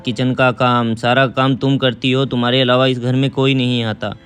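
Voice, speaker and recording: A man voicing a suspicious, scolding lady of the house, in a smooth, even voice. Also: medium pitch, moderate pace, soft background music, lightly acted. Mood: accusing. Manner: accusing, scolding. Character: suspicious accusing rich housewife, woman.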